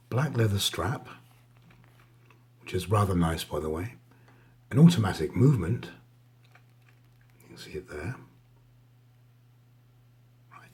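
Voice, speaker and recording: A man giving a casual, hesitant watch show-and-tell, his voice husky, thick and strained from a sore, swollen throat. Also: lowish voice, darkish tone. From Denmark. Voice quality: husky, raspy. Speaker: watch reviewer.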